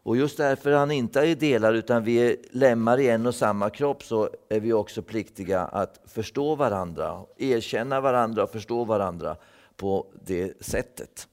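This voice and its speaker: A man's voice: mid-range voice, darkish tone, long reverb tail. A man giving a thoughtful Bible-teaching sermon, repeating words as he explains. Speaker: preacher.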